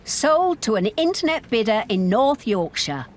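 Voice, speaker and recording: A woman's voice: on the high side, big pitch swings, unhurried. A British woman reading scripted narration for a television programme.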